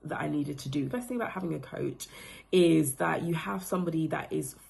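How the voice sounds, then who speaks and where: Speaking fairly quickly, a Congolese woman in her thirties, from the Democratic Republic of Congo, gives a loose, filler-heavy, reflective testimonial about being coached. Her deep, darkish voice carries noticeable vocal fry.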